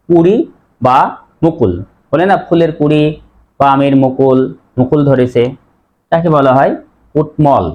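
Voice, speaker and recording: Male teacher, slightly raised pitch, patient drilling delivery, asks the class questions. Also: a little mellow, dull audio. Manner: repeats words slowly and asks students questions. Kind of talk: pronunciation lesson.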